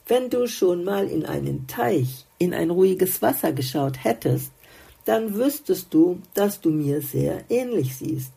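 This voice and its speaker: A woman voicing a gentle, wise female blue flower in a storybook, patiently explaining things. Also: medium pitch, creaky, slightly rough, voice pushed up, heavily acted.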